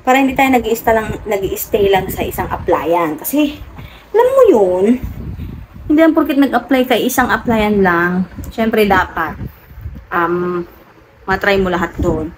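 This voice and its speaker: A Filipina woman talks to her vlog audience at a mid pitch, laughing often as she tells her stories. Her voice jumps up high whenever she gets excited. An electric fan hums clearly in the room behind her. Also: normal speed, noisy background. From Philippines. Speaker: vlogger. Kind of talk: casual chatty vlog.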